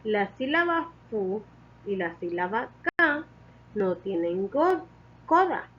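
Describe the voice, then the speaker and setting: Slow, patient woman teaching a lesson. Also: mid-range voice, sing-song, husky, muffled recording. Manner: deliberate, patient, repeats key points.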